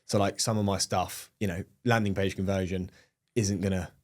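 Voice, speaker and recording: A young Englishman with a British accent talks easily as a podcast guest. His voice sits a little low, and his speech is loose and full of fillers like "like" and "um". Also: steady tone, moderate pace, a little mellow. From England. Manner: chatty, many fillers like "like" and "um". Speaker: guest, agency owner. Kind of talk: casual podcast interview.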